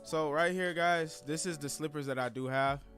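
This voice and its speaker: A man's voice: fairly high pitch, normal speed, fairly bright tone, faint music behind. A man who has just turned thirty, chatting casually with viewers during a live trading stream in a laid-back, rambling way. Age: 30s.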